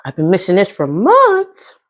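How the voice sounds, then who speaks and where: A woman's voice: mid-range voice, wildly swooping pitch, a little slow. A middle-aged American woman chatting casually to viewers as she eats, with savoring mms between bites. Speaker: mukbang host. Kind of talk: casual chat to viewers while eating.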